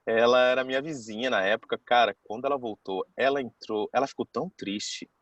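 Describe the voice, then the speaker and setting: A man's voice: mid-range voice, fairly even intonation, a little fast, a bit bright, no echo, muffled recording. Chatty man telling stories. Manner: chatty, keeps saying "cara"; acts out quoted people. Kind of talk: casual storytelling.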